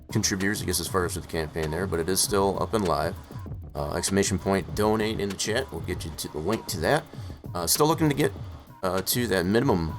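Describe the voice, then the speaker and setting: Hoarse low-voiced man rambling on stream. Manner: rambling, full of "uh" and "I guess, as far as" fillers. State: hoarse, losing his voice. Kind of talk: casual live-stream chat. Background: faint music playing in the background.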